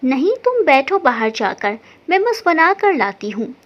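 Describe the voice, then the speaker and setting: A caring middle-aged mother, as a woman narrator voices her in a family storybook tale, scolding with fondness. The voice is very high with a lively pitch. The recording is dull and lo-fi. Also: a little slow. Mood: fond. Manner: fond scolding.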